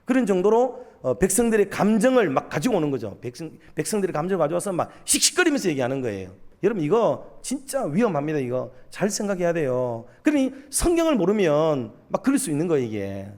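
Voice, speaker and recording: A man's voice: on the high side, sing-song, quick pace, hardly any pauses, a little mellow. A male pastor preaching a sermon, addressing the congregation directly and often using rhetorical questions.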